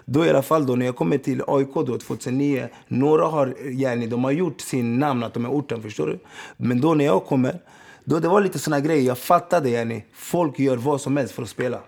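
With a creaky, darkish, medium-pitched voice, this man spins streetwise tales from his football days during a relaxed interview. He keeps asking "förstår du vad jag menar" to make sure he's being followed.

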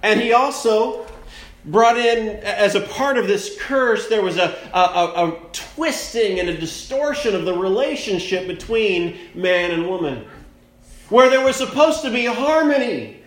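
High-voiced pastor at a pulpit microphone. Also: male voice, lively intonation, fairly bright tone. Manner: plainspoken, conversational preaching with slow emphatic stresses. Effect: preaching at a pulpit microphone. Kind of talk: sermon. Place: church sanctuary. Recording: echoey church room.

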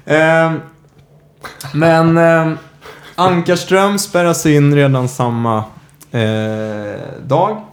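A man hosting a podcast, telling a true-crime story in a casual way, often pausing on filler sounds. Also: on the high side. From Sweden. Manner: hesitant, many filler "eh"s. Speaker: podcast host.

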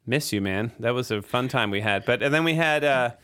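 In a casual podcast chat about their record, the co-host, a drummer, talks a little fast with a medium pitch and clean tone. He's relaxed and meandering, using lots of fillers.

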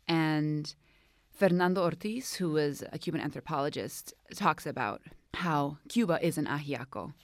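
A woman in her thirties with a low voice speaks as a studio guest on a radio show. She explains at length in a thoughtful way, with small restarts. The sound is dry and close. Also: moderate pace, no echo. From Oakland, California. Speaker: cookbook co-author, studio guest. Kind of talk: radio interview.

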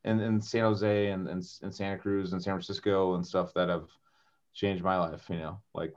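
Rambling, sweary man with a lowish voice. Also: moderate pace, dull audio. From Bay Area, California. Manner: rambling, animated, swears a lot. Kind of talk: casual chat.

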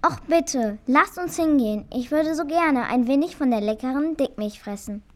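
A little storybook mouse, played by a woman, with a high, bright voice. She speaks emphatically, full of exclamation. Trusting at heart, she flares up quickly. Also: expressive. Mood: pleading. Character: small naive female mouse, trusting then indignant.

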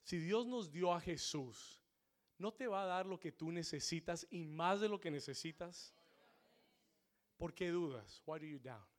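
A man preaching a sermon to a congregation, repeating his points in English and rising to shouts before dropping low and slow. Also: expressive. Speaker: pastor. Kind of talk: bilingual sermon. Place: church sanctuary.

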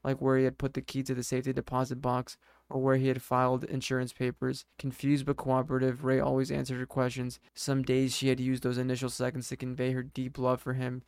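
A man narrating a scripted story in a steady, even reading voice. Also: mid-range voice, fairly quick, clear, resonant tone, dry recording.

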